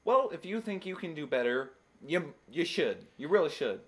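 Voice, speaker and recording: A man's voice: on the high side, sing-song, normal speed, very noisy. A man in his twenties chatting casually as a co-host during a video game. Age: 20s. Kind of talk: casual gaming chat. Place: small living room, indoors on a couch.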